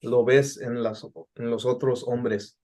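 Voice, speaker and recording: A man's voice: mid-range voice, flat delivery, measured pace, dark tone. A man hosts a loose interview, talking with hype and emphasis. He moves freely between English and Spanish. His voice sits in an ordinary middle range. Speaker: host. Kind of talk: casual interview chat.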